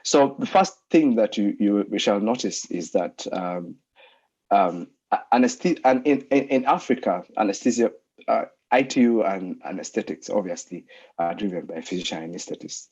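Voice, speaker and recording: A man's voice: on the low side, normal speed, darkish tone, husky. A man from Uganda giving an online talk as a doctor and lecturer, speaking hesitantly with many fillers over a video call. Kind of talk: online presentation. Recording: muffled video call audio.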